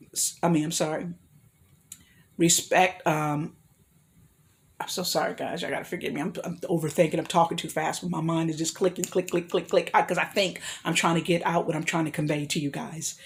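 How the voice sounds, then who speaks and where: A woman's voice: on the low side, darkish tone. Earnest rambling woman vlogger. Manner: earnest, rambling, with restarts and apologies. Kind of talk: motivational personal talk to camera.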